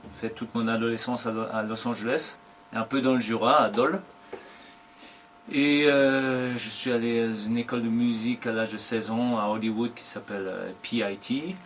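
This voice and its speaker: A man in his forties, a professional drummer, giving unhurried, thoughtful interview answers in short broken phrases. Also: mid-range voice, fairly even intonation, a bit bright, a little hiss or hum. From Germany.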